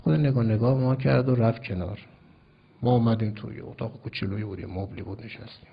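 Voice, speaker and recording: A man's voice: mid-range voice, gravelly, breathy edge. A man from Iran, a cleric telling a story in a sermon, emphatic and acting out the dialogue. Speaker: cleric preacher. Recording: dull lo-fi recording.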